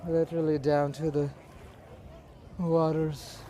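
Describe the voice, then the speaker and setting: A man giving casual, unhurried walking commentary as a live vlogger, speaking in short observational phrases outdoors. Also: fairly high pitch, flat delivery, mellow, slight background noise. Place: outdoors at a busy beach and streets. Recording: outdoor crowd and street bustle. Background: crowd.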